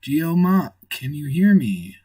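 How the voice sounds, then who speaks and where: A man's voice: on the high side, big pitch swings, slow, mellow, husky, no room sound, distant mic. A man hosting a livestream in casual chat, rambling and thinking aloud as he reads the chat. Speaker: livestream host.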